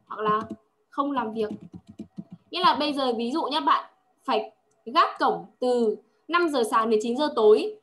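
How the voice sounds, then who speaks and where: A woman's voice: on the high side, unhurried, fairly bright tone, a little hiss or hum. A woman tutoring one-on-one, patiently drilling words and checking understanding often. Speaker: English tutor. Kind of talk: one-on-one language lesson.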